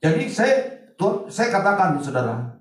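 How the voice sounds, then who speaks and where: Pastor preaching in an echoey hall. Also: male voice, sits high, big pitch swings, normal speed, distant mic. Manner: chatty, swings from loud to hushed asides. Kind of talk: sermon. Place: large church hall.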